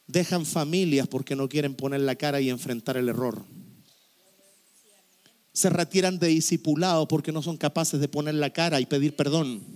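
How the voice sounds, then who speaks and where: A middle-aged pastor preaching a sermon emphatically, full of repetition and rhetorical questions. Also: male voice, fairly high pitch, a little mellow.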